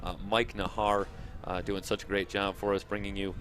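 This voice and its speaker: A man hosting a live sports broadcast, ad-libbing his sign-off in a halting way. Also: lowish voice, level tone, fairly bright tone. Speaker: play-by-play broadcast host.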